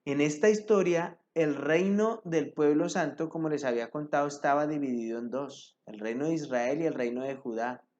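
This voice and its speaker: Male devotional preacher, slightly high-pitched, reading scripture and commenting to listeners; dull lo-fi audio. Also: normal speed, few pauses, darkish tone. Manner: reads verses aloud, then explains them directly to listeners. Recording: dull lo-fi recording.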